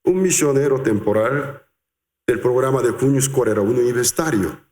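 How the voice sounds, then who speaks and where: A male pastor preaching a sermon, speaking slowly and with emphasis, stretching out key words. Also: medium pitch, darkish tone. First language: Korean. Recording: reverberant church hall.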